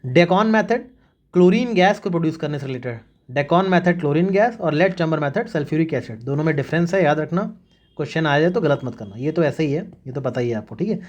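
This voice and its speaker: A man's voice: fairly high pitch, expressive. A man teaching an exam-prep revision lesson, drilling facts with mnemonics and repeating "remember this" and "okay" often. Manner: brisk, repetitive drilling with frequent "याद रखना" and "ठीक है".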